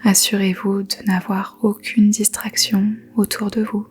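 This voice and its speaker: A woman with a soft, whispery, husky voice leads a yoga nidra meditation, very slow and even and staying near one pitch. Her gentle, soothing instructions come with long pauses over faint music.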